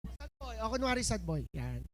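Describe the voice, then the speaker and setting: A woman pastor giving a lively, playful sermon, acting out a scene with someone in front of the church and reading scripture slowly. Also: a little high. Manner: animated, playful, switches between preaching and slow scripture reading. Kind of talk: lively sermon with a live demonstration.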